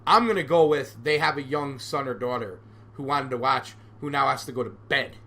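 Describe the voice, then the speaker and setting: Sarcastic man ranting, bright voice. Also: medium pitch, moderate pace. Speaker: podcast host. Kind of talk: solo opinion podcast.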